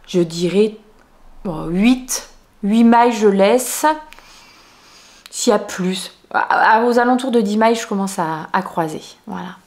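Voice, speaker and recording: A woman's voice: mid-range voice, a little slow, a little mellow. A woman hosting a knitting video podcast, talking casually at home with many fillers and restarts. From France. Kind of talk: casual chat.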